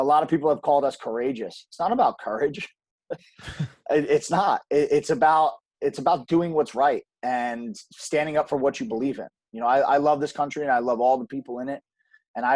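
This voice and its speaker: A gym co-owner appears as a podcast guest in a conversational interview, speaking earnestly and emphatically with frequent restarts and ums. His voice is mid-range and darkish, with no echo.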